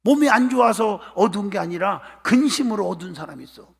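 Gravelly high-voiced man preaching in a hall. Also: expressive, fast. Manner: emphatic preaching, often calling for amen; bursts into shouting at climaxes. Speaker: pastor. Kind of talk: sermon. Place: church sanctuary during a live service. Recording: long reverb of a church hall.

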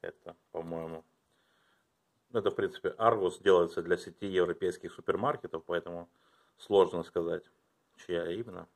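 A man chatting casually at home as he unboxes and reviews his collection, thinking aloud and dropping to quiet mutters as he handles things. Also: sits low, steady tone, normal speed, gravelly.

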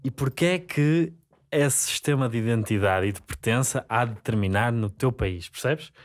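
A man's voice: medium pitch, moderate pace. A man, hosting a podcast and pressing his guest with follow-up questions. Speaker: podcast host. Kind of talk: casual interview questioning. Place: small studio with acoustic foam. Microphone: desk mic on boom arm.

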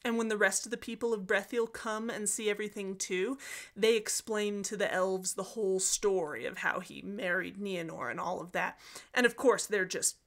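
A woman's voice: mid-range voice, moderate pace, a bit bright. A woman hosting a book summary series, retelling a story in a chatty, casual way with joking asides.

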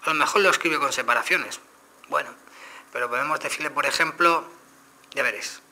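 In this casual demo, a Spanish phone reviewer with a Spain accent walks viewers through a phone step by step, addressing them directly. His voice is a little high, fairly quick, and pushed and bright.

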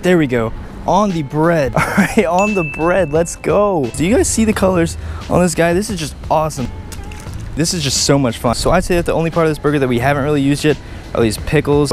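A young man in his twenties filming a casual fishing vlog outdoors by a pond on a body-worn camera, excitable and saying "literally" and "dude" a lot. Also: a little high. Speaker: fishing vlogger. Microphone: action camera worn on body.

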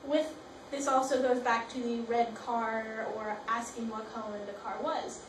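A young woman presents a school project, reading her notes aloud and restarting words as she goes. Her voice sits high. She is picked up from a distance in a roomy, echoing space with faint background noise. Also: flat delivery, a little slow. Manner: reads from notes with frequent restarts. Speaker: student presenter. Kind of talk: class presentation. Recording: echoey room from far off.

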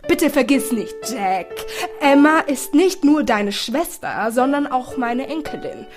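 Slow calm old grandpa in a storybook, woman doing him, soft music under it. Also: sits high. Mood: earnest, resigned. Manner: slow and deliberate, measured. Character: calm older male grandfather, gently firm. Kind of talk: audiobook character voice.

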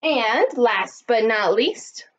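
Slow, high-voiced woman teaching like kids show host. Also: lively intonation, slight background noise. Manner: kids show host style, addressing children, prompting and counting along. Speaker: elementary school teacher. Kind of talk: math lesson for young children. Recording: dull lo-fi webcam sound.

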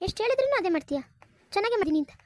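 A woman's voice: very high-pitched, sing-song, rapid-fire, a little mellow, a little hiss or hum. Woman voicing a bossy scolding mother-in-law. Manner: scolding, nagging.

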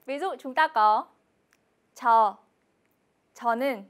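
A young woman with a slightly higher voice leads a scripted television language lesson. She explains each grammar point patiently and repeats every example word clearly. Her delivery stays steady and measured. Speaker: Korean language teacher co-host.

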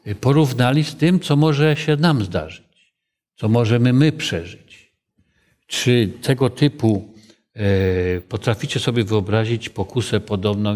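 A man leads a group Bible study in a conversational way, asking the others questions and telling a story from his own life. His voice is on the low side and a little mellow.

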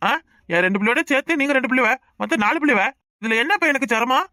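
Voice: high voice, lively intonation, quick pace, pushed and bright, no echo, clean studio sound, full character voice. A performer voicing a bossy but caring middle-aged village uncle in a cartoon, with a Kanyakumari Tamil accent. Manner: bossy but affectionate, scolding. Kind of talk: cartoon voice acting.

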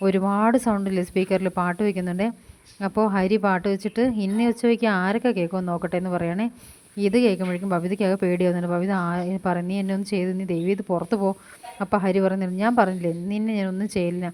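Rapid-fire woman retelling a serial. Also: medium pitch, darkish tone. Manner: retells scenes quoting each character in turn, with frequent fillers. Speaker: serial review vlogger. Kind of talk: fast retelling of a TV serial episode.

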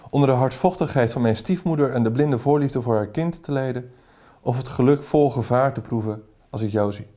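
A man reading aloud the lines of an anxious, sad young woman in love, his pitch slightly raised. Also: dark tone, close to an everyday voice.

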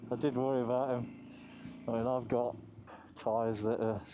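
A man's voice: mid-range voice, level tone, normal speed, background noise. A man riding a motorbike on mountain roads, chatting casually through a helmet mic, laughing often and swearing easily. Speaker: motorcycle vlogger. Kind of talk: casual ride commentary.

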